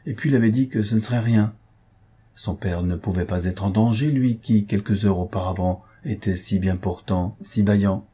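Male audiobook narrator, low voice, dark and husky, measured novel reading. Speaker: audiobook reader. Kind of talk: scripted narration of a classic novel.

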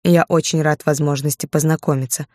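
A woman's voice: low voice, steady tone, fairly quick, darkish tone, dry recording. A courteous, slightly embarrassed portly man, read by a female narrator in her normal voice. He speaks in a restrained, polite way. The dry audiobook recording has no room sound. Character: portly, shy, polite middle-aged male billionaire.

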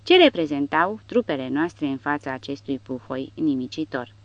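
A woman narrating an audiobook in a dramatic, expressive reading style. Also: low-pitched, no room sound. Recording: dull dry recording.

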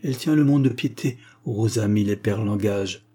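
A man voicing a polite, composed gentleman who speaks in a measured way. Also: on the low side, husky.

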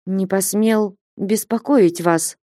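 A woman voicing a timid, guilty young male clerk who answers haltingly and pleads in a storybook reading. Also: mid-range voice, steady tone, dark tone, no room sound, clean studio sound, pitched above the performer's own voice, lightly acted. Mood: faltering. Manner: faltering, pleading.

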